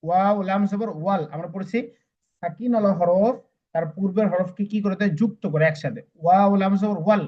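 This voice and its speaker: A man teaching Quran reading, spelling out each word slowly letter by letter and repeating it before explaining the rules. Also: high voice, muffled recording. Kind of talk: spelling-out recitation lesson.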